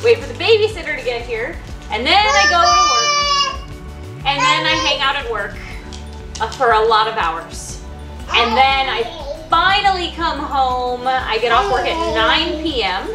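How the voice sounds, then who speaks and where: Brief: playful, chatty mom in a family vlog, high and lively voice, echoey room. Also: female voice, a little slow. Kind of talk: casual family chat. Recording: roomy room with music behind.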